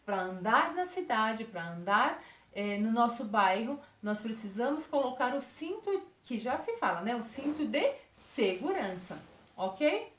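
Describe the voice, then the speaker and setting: Brazilian teacher lady talking to little kids, high voice, roomy echo. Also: very animated, measured pace, fairly bright tone. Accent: Brazilian Portuguese. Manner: speaks to children with diminutives and frequent check-ins. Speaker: primary school teacher. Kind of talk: recorded online lesson for young children.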